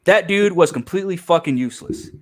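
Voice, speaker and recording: A man's voice: high-pitched, lively intonation, fast. A man hosting a casual film review chat, talking in an emphatic, rambling way with frequent restarts and swearing. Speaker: podcast host.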